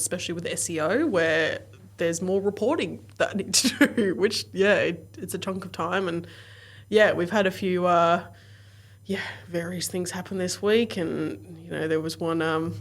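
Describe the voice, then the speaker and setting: A woman co-hosting a podcast in casual, chatty talk, self-deprecating and quick to laugh. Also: fairly low pitch, steady tone. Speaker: podcast co-host. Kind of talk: casual chat.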